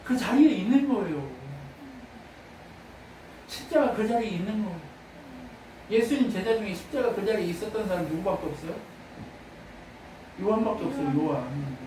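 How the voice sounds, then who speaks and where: Preacher, sermon delivery, call-and-response questions, sudden loud bursts; distant, roomy church sound. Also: mid-range voice, expressive, normal speed, long pauses, slight background noise. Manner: fires rhetorical questions at the congregation. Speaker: pastor. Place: church sanctuary.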